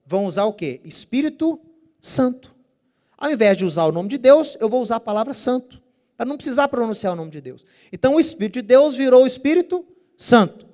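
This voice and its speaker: A man with a high-pitched voice leads a Bible study lecture. He explains carefully and pronounces Hebrew terms deliberately. He poses rhetorical questions to his listeners and answers them himself. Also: big pitch swings, darkish tone. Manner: says Hebrew terms with care. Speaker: teacher.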